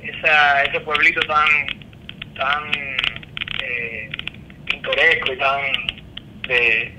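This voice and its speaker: A man's voice: on the high side, takes it slowly. A middle-aged man from Cuba with a Cuban accent, a guest answering interview questions over a video call, hesitant with many fillers. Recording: noisy call line.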